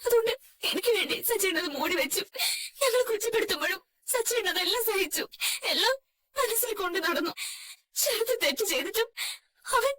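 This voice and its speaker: Brief: woman as tearful young wife, very high voice, fast, slightly off-mic. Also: animated, sharp tone, recorded from a distance, exaggerated voice. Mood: remorseful. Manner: apologetic, pleading.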